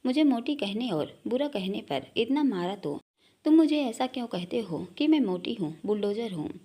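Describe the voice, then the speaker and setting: A woman's voice: a little high, big pitch swings, moderate pace. A woman playing a shy, worried young woman. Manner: quiet, hesitant.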